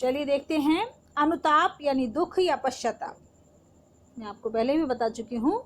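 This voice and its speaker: A woman's voice: high voice, moderate pace. A woman teaching Hindi poetry in an online class, explaining the verse line by line and asking her students rhetorical questions.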